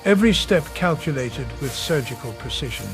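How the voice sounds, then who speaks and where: A man narrating a nature documentary from a script in a dramatic, measured, portentous way. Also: on the high side, expressive. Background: music.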